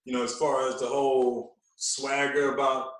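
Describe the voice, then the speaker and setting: A man from Queens, New York, a radio personality appearing as a podcast guest, tells stories in an animated, casual way. His medium-pitched, fairly bright voice shows little pitch movement at a moderate pace. The recording is very echoey, as if he's in a large room far from the mic.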